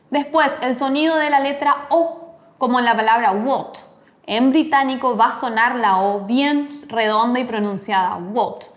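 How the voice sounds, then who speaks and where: A woman teaching an online English lesson, explaining step by step and modeling words aloud. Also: fairly high pitch. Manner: explains slowly, demonstrates English pronunciation.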